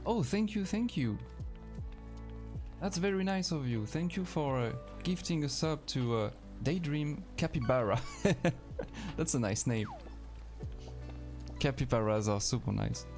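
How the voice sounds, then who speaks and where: A man's voice: on the high side, lively intonation, a little slow, pauses often, darkish tone, soft background music. A man with a French accent, a native French speaker, chatting casually on a live stream while playing a game and answering his chat.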